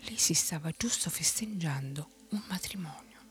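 A woman telling a bedtime story in a soft unvoiced whisper. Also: sits low, lively intonation, moderate pace, faint music behind.

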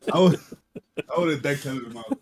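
A man's voice: medium pitch, moderate pace, crowd noise. A young man in casual chat among friends, talking in slangy, profane frat-bro banter as a podcast co-host. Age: young adult.

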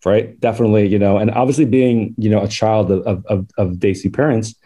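Chatty low-voiced man, dark tone. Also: fairly even intonation, a little fast, breathy edge. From Southern California. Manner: chatty, rambling, laughs often. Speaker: podcast guest. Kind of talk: casual life-story interview.

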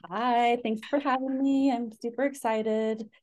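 A young woman from Mexico, raised in California, telling her story as a podcast guest in a relaxed way, full of fillers. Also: a little high, measured pace. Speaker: guest, designer and business founder. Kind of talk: casual podcast interview.

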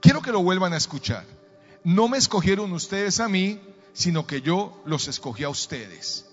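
A man's voice: high voice, lively intonation, moderate pace, soft background music. A middle-aged man, a pastor preaching and telling a story, calling the congregation to answer back. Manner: storytelling, calls for audience responses. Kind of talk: sermon. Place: church hall. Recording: dull sound, long reverb in a church hall.

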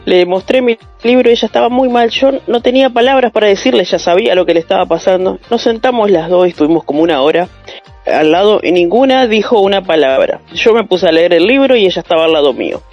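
A woman's voice: medium pitch, lively intonation, fast talker, soft background music. A woman with a Rioplatense Spanish accent, talking reflectively and telling stories in a casual panel chat. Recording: dull lo-fi sound.

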